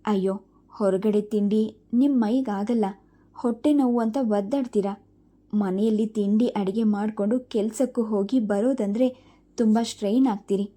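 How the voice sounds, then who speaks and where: A woman's voice: mid-range voice, steady tone, normal speed, lightly acted. A woman voicing a stern, controlling stepmother who speaks sharply in a family storybook reading. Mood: worried. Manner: sharp, scolding.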